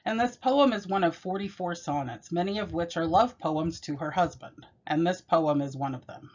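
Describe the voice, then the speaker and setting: A woman giving a measured, explanatory poetry lesson and reading the poem aloud. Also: lowish voice, a little mellow. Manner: measured, explanatory, with occasional self-corrections. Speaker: teacher. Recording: dull, lo-fi.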